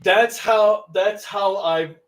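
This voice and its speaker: Higher-voiced man steering the chat. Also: takes it slowly. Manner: steering, explanatory. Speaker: co-host. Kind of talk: casual livestream discussion.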